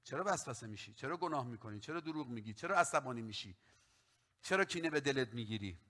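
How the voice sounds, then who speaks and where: A middle-aged male pastor delivering an impassioned sermon, slowing down to stress scripture and dropping to hushed tones for effect. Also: medium pitch, expressive.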